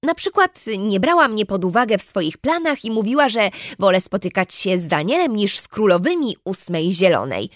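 Animated woman reading a comic diary. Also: mid-range voice, moderate pace, few pauses, no echo, clean studio sound. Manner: animated, comic, first-person storytelling. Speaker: audiobook narrator. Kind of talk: expressive storybook reading of a teen diary.

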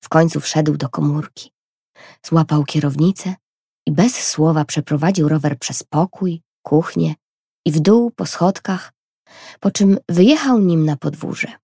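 A woman narrating a children's storybook in an expressive, lively reading. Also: low-pitched, measured pace, breathy edge, no room sound, clean studio sound.

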